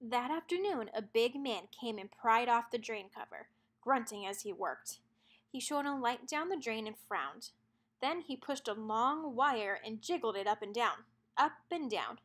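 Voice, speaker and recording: Reading from a children's picture book, this woman narrates expressively in a slightly high voice, taking her time.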